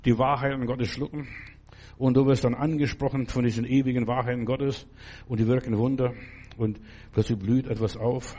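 A man's voice: medium pitch, little pitch movement, moderate pace, warm tone, muffled recording. A man preaching a sermon in a fervent, exhorting way, speaking directly to the listener.

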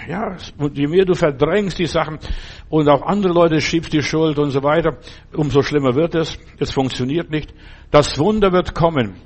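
A man preaching a sermon, urging the listener directly and repeating his key phrases. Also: on the high side.

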